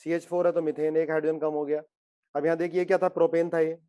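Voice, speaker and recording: A man's voice: on the high side, flat delivery, quick pace, dark tone, clean tone. A man teaching a chemistry lesson, asking his students questions again and again and coaxing them to answer. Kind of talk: classroom lecture.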